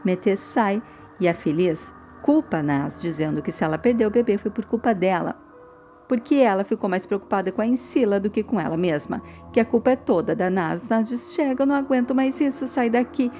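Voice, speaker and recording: A woman recapping a dubbed soap episode, retelling each scene and reading every character's lines in a steady voice. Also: medium pitch, moderate pace. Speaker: soap-opera recap narrator. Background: faint music.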